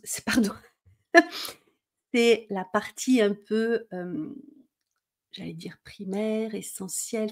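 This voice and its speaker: Mellow-voiced woman coaching conversationally. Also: mid-range voice. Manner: conversational, checks in with "d'accord?", acts out inner worries. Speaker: mindset coach. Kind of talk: explanatory coaching talk.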